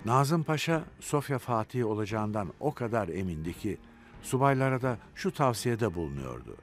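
A man narrating a history documentary from a script, measured and expressive. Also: on the low side, soft background music.

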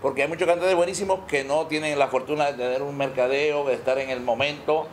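A salsa singer in his forties speaks fast at a fairly high pitch with a steady tone, with a little hiss or hum audible. Seated at a table in an indoor restaurant for a press conference, he's boisterous and effusive, joking and laughing often, first into table microphones and later a handheld mic.

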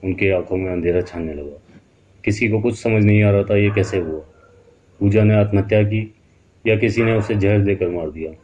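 Deep-voiced man narrating a horror story. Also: moderate pace, a little mellow, lo-fi sound.

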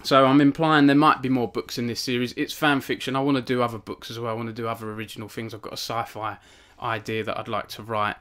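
Chatty young man, smooth clear voice. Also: medium pitch, level tone, fast talker, hardly any pauses, fairly bright tone. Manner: rambling, filler-heavy, self-deprecating. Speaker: author hosting a book launch stream. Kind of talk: casual live stream chat. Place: home log cabin.

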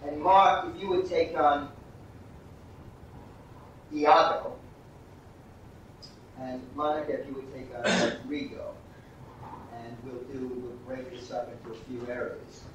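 A man coaching actors through a master class, halting and repeating words as he explains. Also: medium pitch, fairly even intonation. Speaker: acting teacher. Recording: distant echoey room, muffled, faint hiss.

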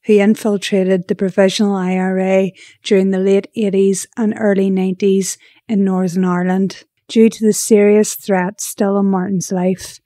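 A woman's voice: mid-range voice, mellow, no echo, studio quality. A woman hosting a podcast, speaking in scripted narration and interview questions.

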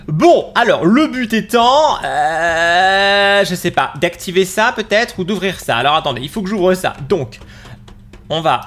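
A man doing excited let's play commentary, exclaiming and jumping up in pitch as he plays. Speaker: gaming YouTuber.

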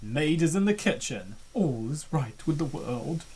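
The host of a comic dub chats loosely about a webcomic, playful and quick to get excited. Their voice is mid-range and husky, and the pace runs a little slow.

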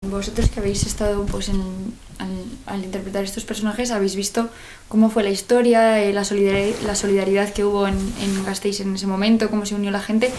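A woman's voice: medium pitch, little pitch movement, quick pace, darkish tone, a little hiss or hum, low-quality recording. A woman interviewer who asks long, carefully built questions.

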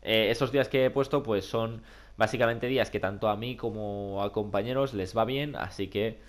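A young man from Spain speaks with a Spain Spanish accent in a lowish voice. A cold leaves him congested and nasal, with a duck-like sound. He rambles casually and colloquially, like a gaming YouTuber talking over gameplay. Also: normal speed. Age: young adult. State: sick with a cold. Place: small room at home.

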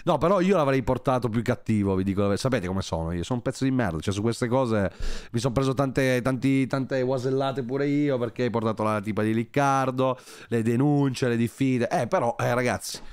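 A man's voice: mid-range voice, darkish tone, clear, resonant tone, no echo, clean studio sound. A man commenting live on a stream in a sarcastic, joking and crude way. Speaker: streamer reacting to a podcast.

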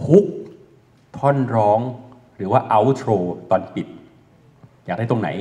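A man giving a lively, joking lecture on AI at a training course, often asking the audience questions and dropping blunt slang. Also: mid-range voice. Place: lecture hall. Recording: echoey hall recording.

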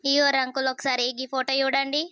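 A woman's voice: sits high, completely flat delivery, fairly quick, bright, forceful tone, no room sound, lo-fi sound. A woman voicing a sly young village troublemaker. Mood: coaxing. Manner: coaxing, bossing his friend.

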